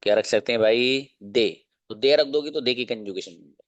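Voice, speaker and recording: A man's voice: medium pitch, no room sound, dull audio. Man teaching a grammar lesson, dry sound. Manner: slow, drilled repetition of example sentences; asks the class rhetorical check questions. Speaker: English teacher.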